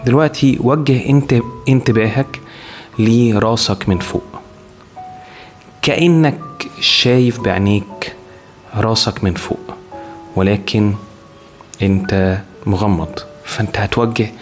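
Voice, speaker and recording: An Egyptian-accented man leads a guided body scan over clearly audible music. His voice sits on the low side. He gives short, calm instructions in a soothing, unhurried way, with long pauses between them. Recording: music behind the voice. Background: clear background music.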